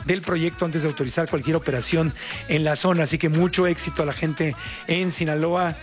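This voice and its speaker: Mexican guy hosting radio news, talks fast and chatty, little music under him. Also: a little high, steady tone. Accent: Mexican Spanish. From Tijuana, Mexico. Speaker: radio host.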